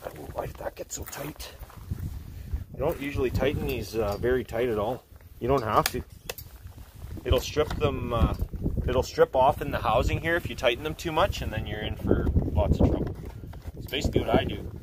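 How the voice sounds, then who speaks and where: A man in his forties giving a relaxed, folksy how-to demonstration outdoors in a snowy yard, talking on a camera mic that drifts nearer and farther. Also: mid-range voice, moderate pace, long pauses. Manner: relaxed, folksy, thinks aloud with fillers. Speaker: channel host demonstrating chainsaw maintenance. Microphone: camera mic, he moves nearer and farther. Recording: outdoor camera audio with clear background noise.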